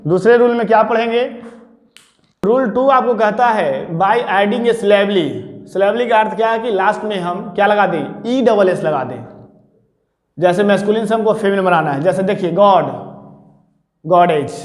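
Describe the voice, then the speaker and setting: Male teacher, high voice, quizzes himself aloud, long reverb. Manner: poses rhetorical questions and answers them himself; addresses listeners familiarly as "babu". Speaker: English grammar teacher. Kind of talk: explanatory classroom lecture. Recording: echoey room with long reverb.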